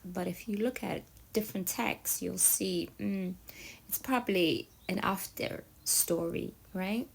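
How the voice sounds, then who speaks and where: A woman's voice: medium pitch, unhurried, creaky, husky, low-quality recording. A woman from Somalia telling stories in a casual monologue, often checking in with her listener with "yeah?" and "right?". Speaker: storyteller.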